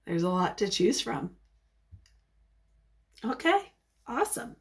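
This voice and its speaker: A woman of medium pitch reads aloud from a picture book, acting much like a teacher. Expressive and encouraging, she halts at points to ask her young audience things.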